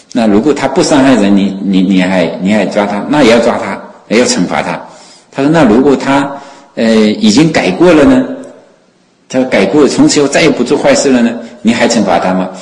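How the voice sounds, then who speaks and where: A man telling a story as a sermon, in an animated way full of fillers and exclamations. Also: fairly low pitch, fairly quick, reverberant, big-room sound, rough recording.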